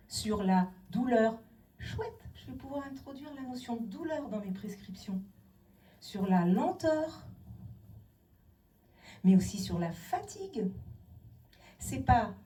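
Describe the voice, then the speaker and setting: Speaking in a town hall meeting room, a middle-aged advocate for inclusive city design delivers an emphatic public talk with rhetorical questions and voiced-out quotes. Her voice is on the high side and mellow, captured from a distance.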